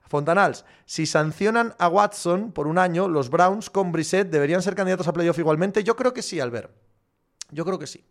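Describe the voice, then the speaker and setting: A man with a fairly high-pitched voice hosts a relaxed chat, reading viewer messages aloud. His replies are blunt and sardonic. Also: normal speed, few pauses. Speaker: host answering viewer questions. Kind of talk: casual chat.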